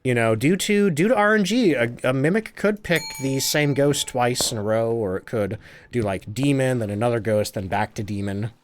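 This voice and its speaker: A man's voice: mid-range voice, normal speed, a little hiss or hum. A man streaming a game live, chatting, reading viewer comments aloud and laughing often.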